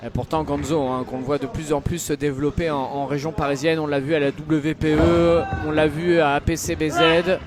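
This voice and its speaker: An excitable, opinionated man doing live wrestling commentary, full of exclamations. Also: on the high side, brisk, few pauses. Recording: loud crowd and venue noise. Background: noisy live wrestling crowd.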